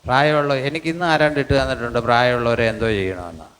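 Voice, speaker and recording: A man's voice: mid-range voice, expressive, fast talker, fairly bright tone. An older man, preaching a sermon emphatically and repeating lines for the congregation. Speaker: pastor. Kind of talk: sermon with congregation reading scripture.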